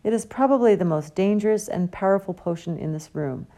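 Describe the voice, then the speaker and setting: A woman's voice: mid-range voice, brisk, dark tone, pitched above the performer's own voice, natural voice. A woman voicing a genial, pompous older male potions teacher who talks theatrically.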